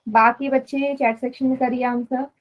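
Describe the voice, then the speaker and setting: A woman's voice: high-pitched, level tone, normal speed, dull audio. A woman teaching math in a live online class, patiently explaining and quizzing students. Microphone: online class stream.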